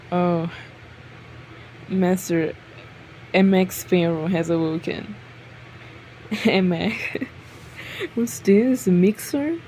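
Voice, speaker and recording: A game streamer with a dark-toned voice on the low side reads a visual novel aloud, breaking off from the narration to joke and laugh. Game music plays behind her, and the low-quality recording has slight background noise.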